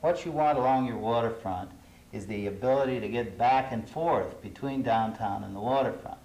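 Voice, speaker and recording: A middle-aged man, an urban planner, speaking in a measured, thoughtful way with some hesitations on a studio panel. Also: mid-range voice, darkish tone. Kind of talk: panel discussion. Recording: roomy studio with faint hiss.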